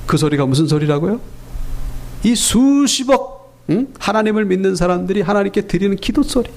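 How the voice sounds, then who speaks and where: Male pastor, sermon, very high voice, gravelly texture, rhetorical questions, acts out quotes in stories. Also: a little fast, a little mellow. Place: church sanctuary. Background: congregation answering amen.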